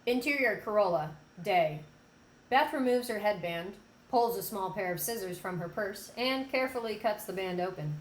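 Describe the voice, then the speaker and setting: At a screenplay table read, a woman narrates the stage directions with lively intonation, her voice medium in pitch and normal in pace. Background noise and room echo are audible.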